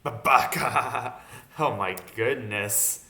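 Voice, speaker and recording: Bright-voiced man chatting with an AI. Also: on the low side, unhurried. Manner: thinks aloud, jokey, narrates his clicks. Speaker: video host. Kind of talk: casual chat with an AI. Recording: echoey room with typing.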